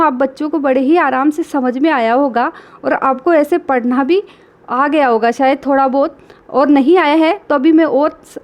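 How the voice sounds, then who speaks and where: A woman teacher giving a reading lesson to children, slowly and patiently sounding out syllables and talking directly to the kids. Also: high voice.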